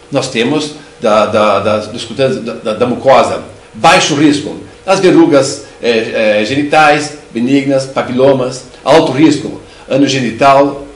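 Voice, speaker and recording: Older Brazilian man lecturing, roomy echo. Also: mid-range voice. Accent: Brazilian Portuguese. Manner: explanatory, repeats words and restarts. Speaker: lecturer, dental surgeon. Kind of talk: recorded clinical lecture. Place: room with bookshelves. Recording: echoey room sound.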